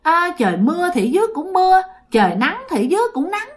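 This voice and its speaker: A woman voicing a gentle ghost of a tortured man who speaks quietly and haltingly, moaning about his pain. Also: very high-pitched, sing-song, pitched above the performer's own voice. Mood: subdued.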